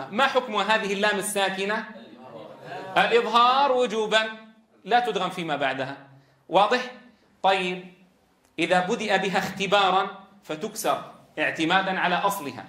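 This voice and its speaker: A man's voice: high-pitched, bright, forceful tone. A man teaching Quran recitation rules, quizzing his students with questions and then answering them himself. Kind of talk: tajweed rules lesson. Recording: roomy echo.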